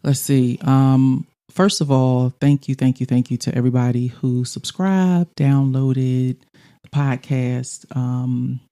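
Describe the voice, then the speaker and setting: A woman's voice: a bass voice, fairly even intonation, takes it slowly, warm tone. A middle-aged woman co-hosting a casual podcast chat in a studio, talkative and laughing often. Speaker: podcast co-host.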